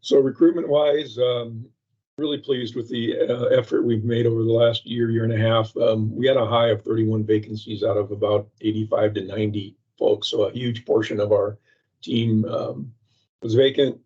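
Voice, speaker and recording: A man presenting a slide update at a public meeting over a patchy remote microphone that sounds muffled, as if heard through a wall, speaking in halting bursts with many fillers. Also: lowish voice, little pitch movement, dark tone, husky. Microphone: remote call microphone with a patchy connection. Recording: muffled, dull remote call audio.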